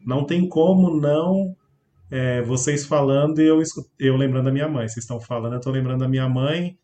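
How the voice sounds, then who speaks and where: A man hosting a talk speaks in a dark, mellow voice, audibly moved and emotional. He speaks in a warm-hearted way and often adds tag questions. His voice carries a noticeable room echo. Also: medium pitch, a little fast, slight background noise. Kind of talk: conversation. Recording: roomy echo.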